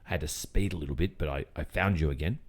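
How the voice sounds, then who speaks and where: Speaking directly to the listener, an Australian man with a rumbling low voice acts as a delusional, sweetly possessive boyfriend who has kidnapped them in an ASMR roleplay. He sounds fond and obsessive, his words halting and stretched out, broken by hesitant murmurs and nervous laughs.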